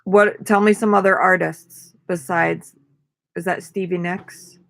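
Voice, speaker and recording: A woman's voice: on the low side, fairly even intonation, unhurried, gravelly. A tired young woman chatting casually to viewers on a live stream, rambling with many fillers. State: tired, yawning.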